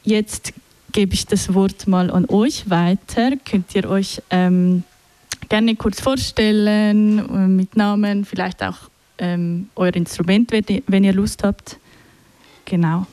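A woman's voice: medium pitch, takes it slowly, no echo. A woman hosting a live radio culture show, speaking loosely with many fillers. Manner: relaxed, hesitant with many fillers.

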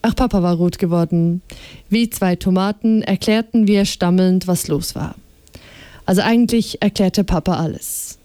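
A woman reading a children's book aloud in a clear, even storytelling manner. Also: fairly low pitch, moderate pace, no room sound. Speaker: reader.

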